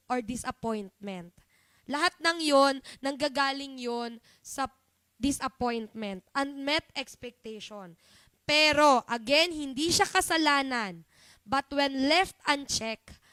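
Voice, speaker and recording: Filipina preacher, high clear voice, dry close sound, teaching tone, checks in with listeners. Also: female voice, fairly bright tone, no room sound. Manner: Taglish, often asks "di ba?" and "Amen?". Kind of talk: church teaching.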